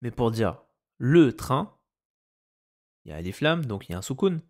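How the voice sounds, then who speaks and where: A man teaching a lesson, speaking slowly and deliberately and repeating each example word. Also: medium pitch, very animated, darkish tone. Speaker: Arabic language teacher. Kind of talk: explaining Arabic grammar in French.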